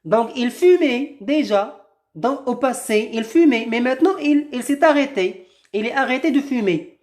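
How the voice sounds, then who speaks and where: A woman teaching a language lesson, reading a short text aloud and explaining each new word slowly, rephrasing it with several synonyms. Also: on the high side, expressive, a little mellow. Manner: slow and deliberate, repeats and rephrases words with several synonyms. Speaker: French teacher.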